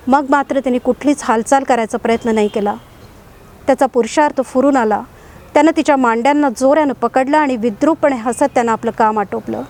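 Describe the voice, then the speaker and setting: A woman with a high voice reads a dramatic story aloud. Her reading is measured and expressive, and she leans into the tense moments without rushing.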